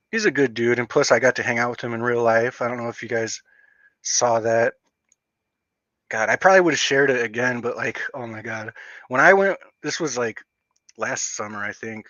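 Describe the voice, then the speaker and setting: A man hosting a casual livestream, rambling and excitable, with lots of filler words. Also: mid-range voice, dry recording. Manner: rambling, excitable, heavy use of "like". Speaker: livestream host. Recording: dull lo-fi dry stream audio.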